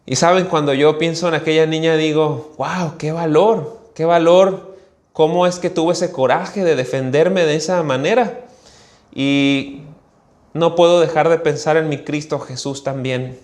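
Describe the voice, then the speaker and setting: A Mexican-accented pastor tells a personal story from the pulpit and acts out the voices in it. His voice sits on the higher side for a man. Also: normal speed. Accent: Mexican Spanish. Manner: animated storyteller, acting out voices. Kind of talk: storytelling sermon.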